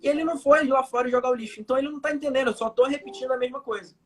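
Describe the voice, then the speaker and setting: Husky Manaus-accented man explaining. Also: very high voice, racing, fairly bright tone. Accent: Manaus Brazilian Portuguese. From Manaus, Brazil. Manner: storytelling with everyday examples. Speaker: hypnotherapist guest. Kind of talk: casual explanatory live chat.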